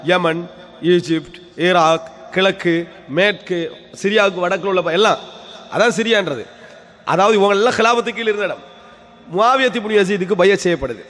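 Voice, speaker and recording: High-voiced man preaching in a reverberant mosque hall. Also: fairly bright tone. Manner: rhetorical questions answered himself; storytelling, repeats key phrases. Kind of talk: weekly religious lecture.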